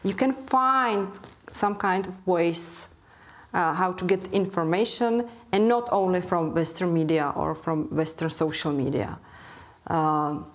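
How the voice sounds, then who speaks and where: A woman speaking as an expert guest on a debate panel, thoughtful and hesitant, often pausing to find her words. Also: fairly low pitch. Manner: thoughtful, many hesitations, gently questioning. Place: public debate hall.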